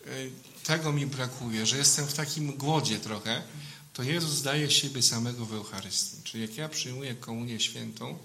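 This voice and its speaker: Very bright-voiced man preaching informally. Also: medium pitch, slight background noise. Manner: conversational, keeps adding questioning tag "nie?". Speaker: priest. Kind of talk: informal sermon.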